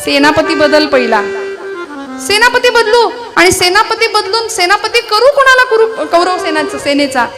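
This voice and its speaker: A woman's voice: very high-pitched, animated, moderate pace, music in the background, pitched above the performer's own voice. Duryodhana, a woman doing an impatient jealous prince. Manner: demanding, impatient.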